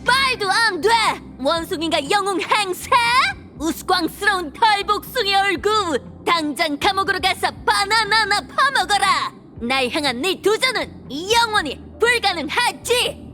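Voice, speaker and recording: Cocky little dark lord villain for a game, super high and sharp, bit of music behind. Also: female voice, lively intonation, unhurried, heavily acted. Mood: mocking. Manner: boastful, theatrical dark-lord villain proclamations. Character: arrogant young female stress demon lord, taunting. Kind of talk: video game voice acting.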